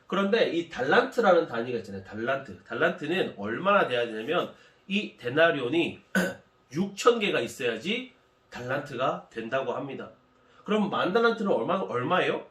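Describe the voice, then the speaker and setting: A pastor telling a parable to children in an animated, explanatory storytelling manner. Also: male voice, fairly high pitch. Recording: echoey room from far off.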